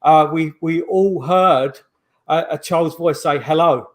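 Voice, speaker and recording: A man's voice: on the high side, slow. A middle-aged man, a guest paranormal investigator, telling stories in a rambling way, full of restarts and fillers, over a video call. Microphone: video call microphone.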